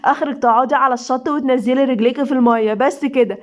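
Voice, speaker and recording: A woman's voice: high voice, steady tone, very fast, natural voice. A woman voicing a romantic, reassuring young husband with an Egyptian accent in an audio love story. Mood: tender. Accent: Egyptian Arabic. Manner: affectionate, soothing.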